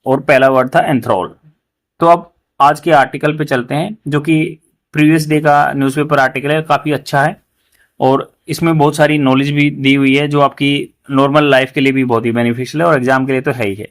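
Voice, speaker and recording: A man with an Indian English accent teaching English vocabulary in Hindi, explaining each word and reading English sentences slowly and carefully. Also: medium pitch, fairly even intonation. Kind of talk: newspaper reading lesson.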